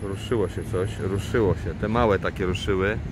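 A man vlogging while he films a lakeside city park, talking in a flat, unenthusiastic way with dry humor. He holds the camera himself. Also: deep voice, normal speed. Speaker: travel vlogger and guide. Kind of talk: casual vlog commentary while filming. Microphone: handheld camera mic, speaker off screen. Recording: outdoor camera audio with traffic noise. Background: city traffic and boat noise.

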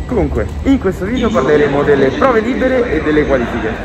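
A man's voice: on the high side, very animated, fairly quick, a loud crowd. A young man vlogging casually to a phone at arm's length in a train station, slightly muffled through a face mask. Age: young adult. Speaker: racing driver vlogger. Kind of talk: casual vlog talk to camera. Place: busy indoor train station walkway. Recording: loud station ambience and noise.

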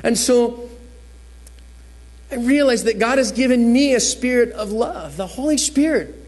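A man with a fairly high voice preaches a sermon as a chatty personal story. He is from New Jersey and slips into the voices of the people he quotes. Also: expressive, unhurried, darkish tone.

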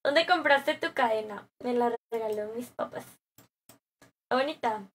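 A young Mexican woman streaming live, chatting with viewers in a bubbly, slangy way, her voice a little hoarse from a sore throat. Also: on the high side, unhurried. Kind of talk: live stream chat, greeting viewers and reading comments.

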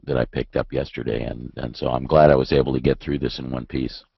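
Very deep raspy man with a cold. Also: little pitch movement, fast talker, no room sound, highs cut off. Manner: hesitant, many restarts and ums. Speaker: webinar presenter, aircraft maintenance expert. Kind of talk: webinar answer, explaining.

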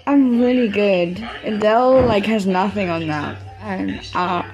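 A woman chatting casually in a vlog with a voice-changer filter that lowers her voice toward a man's, giggling as she plays with it. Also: unhurried, darkish tone, dull audio, soft background music. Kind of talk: casual vlog chat with friends.

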